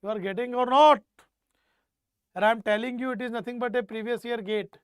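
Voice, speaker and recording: A man's voice: extremely high pitch, fairly even intonation, fairly quick, clean tone, no room sound, clean studio sound. A man with a North Indian accent lecturing an online exam class, repeating phrases for emphasis and prompting students with questions. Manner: mixes Hindi phrases into English. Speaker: teacher.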